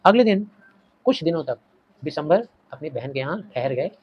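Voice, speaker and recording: A man's voice: on the high side, sing-song, husky, lo-fi sound. Middle-aged male teacher explaining a story. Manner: explains slowly, glossing words and mixing languages.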